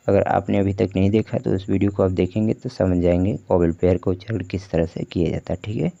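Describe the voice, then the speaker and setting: A man's voice: lowish voice, creaky, warm tone, dull audio. A man teaching English pronunciation rules in a patient, repetitive way, asking rhetorical questions as he goes. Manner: patient, repeats points and asks rhetorical questions. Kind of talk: explanatory lesson.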